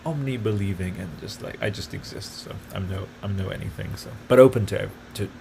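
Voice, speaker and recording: A man's voice: fairly low pitch, brisk, vocal fry, a little mellow, a little hiss or hum. Rambling, eager male podcast host. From grew up partly in Italy. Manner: rambling, enthusiastic, many fillers and tangents. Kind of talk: casual solo podcast talk.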